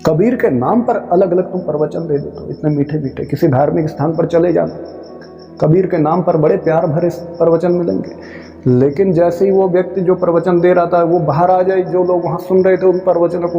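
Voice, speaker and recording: Gravelly-voiced man preaching with reverb. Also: fairly high pitch, mellow, lo-fi sound. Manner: emphatic, rhetorical, scolding the listener with drawn-out phrases. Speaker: spiritual speaker. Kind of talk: devotional discourse on Kabir's verses. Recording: long reverb with faint music.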